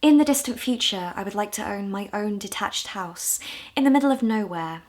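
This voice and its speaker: A woman from the UK in her twenties, talking candidly and with self-deprecating humor in a casual vlog, her voice a little hoarse. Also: mid-range voice, animated, normal speed, a little mellow. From United Kingdom. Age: 20s. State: hoarse, low on voice. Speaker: vlogger.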